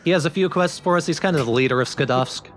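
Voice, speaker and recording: A man with a fairly high pitch talks at a quick pace as a let's play commentator, explaining the game casually step by step while game music plays beneath.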